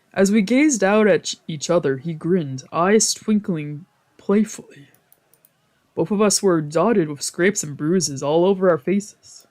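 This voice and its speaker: A man with a high-pitched, somewhat dark voice streams a visual novel, mixing casual let's-play commentary with passages read aloud. He chats informally and reacts as he goes, swearing, trailing off, and frequently correcting himself.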